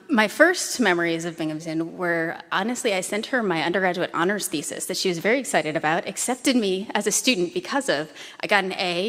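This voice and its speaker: A woman's voice: lowish voice, fairly bright tone. Woman telling stories in a reverberant hall. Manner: anecdotal, light humorous asides. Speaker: former doctoral student giving a tribute. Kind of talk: memorial tribute speech. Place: chamber concert hall. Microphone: podium microphone.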